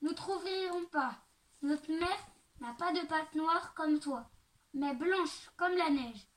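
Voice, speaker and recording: A woman's voice: high voice, slow, far from the mic. A woman doing seven little goat kids crying out. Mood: defiant. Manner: crying out, defiant.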